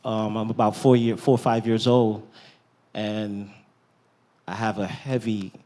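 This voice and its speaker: A man's voice: lowish voice, level tone, unhurried, a little mellow. A man from Barbados with a Bajan accent, telling a personal story as a guest in a panel talk, often checking in with "right?" and "yeah?".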